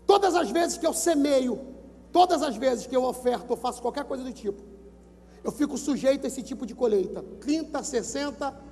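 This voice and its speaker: A male pastor with a Brazilian Portuguese accent, preaching emphatically into a handheld microphone at a youth event. He repeats numbers and questions and urges the listeners to shout back. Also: very high-pitched, expressive, moderate pace. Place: large gymnasium. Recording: long gymnasium reverb.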